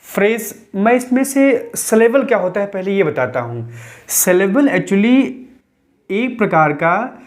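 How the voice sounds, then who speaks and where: A man's voice: sits high, animated, unhurried. A man teaching English grammar in a patient, step-by-step explanatory lecture, dropping English terms into his talk.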